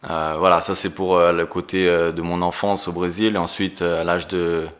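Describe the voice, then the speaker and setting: Here a guest who is an entrepreneur and coach recounts stories at a normal pace during a relaxed interview. His voice is deep and flat; he is from Geneva, grew up in Brazil, and his first language is Portuguese. He speaks earnestly but hesitantly, with many fillers.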